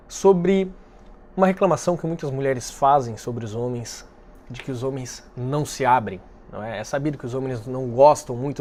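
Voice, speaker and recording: A man hosting a dating-advice video, speaking calmly and directly to the viewer, explaining step by step. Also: mid-range voice. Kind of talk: direct-to-camera advice talk.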